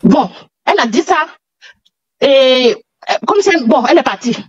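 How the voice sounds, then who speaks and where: Woman, 30s, caller, out of breath, agitated, repeats herself, high-ish voice, muffled lo-fi call sound. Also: expressive, measured pace, slightly rough, no echo. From Africa. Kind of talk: telling a personal story on a call.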